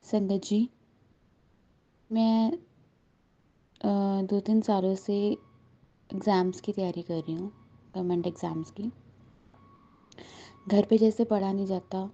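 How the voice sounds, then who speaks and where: A woman's voice: mid-range voice, fairly even intonation, slow, long pauses, mellow. A woman in her thirties giving an earnest, heartfelt devotional testimony to a congregation. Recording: dull lo-fi recording.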